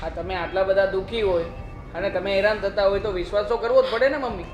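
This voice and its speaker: A man's voice: high voice, steady tone, fast, echoey room, dull audio, faint music behind, natural voice. A young man playing a worried, pleading son. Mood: concerned. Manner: pleading, concerned. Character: worried son torn between mother and wife.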